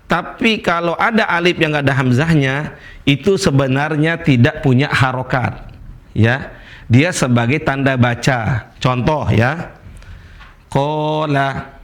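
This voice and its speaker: A man's voice: medium pitch, a little slow. A man teaching a Quran recitation lesson, patiently repeating recited examples and putting questions to his students. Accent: Indonesian.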